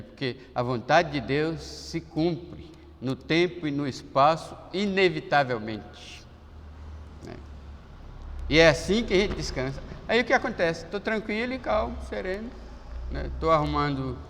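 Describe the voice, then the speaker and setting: Brazilian pastor preaching in a chatty way. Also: male voice, mid-range voice, fairly bright tone, long reverb tail, a little hiss or hum. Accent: Brazilian Portuguese. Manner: folksy, chatty preaching with laughs and asides. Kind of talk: sermon.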